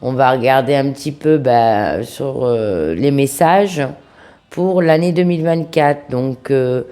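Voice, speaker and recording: Low-voiced woman sounding sick, halting tarot reader. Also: mellow. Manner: affectionate, familiar address to viewers. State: sick-sounding voice, under the weather. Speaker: tarot reader, host of a video channel. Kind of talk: informal tarot guidance monologue to viewers.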